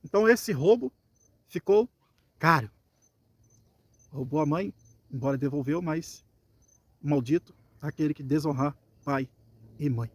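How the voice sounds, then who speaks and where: Brazilian male preacher, slightly high pitch, casual scripture teaching. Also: unhurried, pauses often, dry recording. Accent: Brazilian Portuguese. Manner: reads scripture then explains it conversationally, acting out voices. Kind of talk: Bible teaching sermon.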